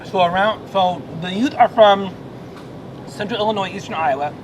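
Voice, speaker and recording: Earnest high-voiced man, noisy rumble. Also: normal speed. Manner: earnest, emotional, rambling with restarts. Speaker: Salvation Army officer. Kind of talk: casual chat.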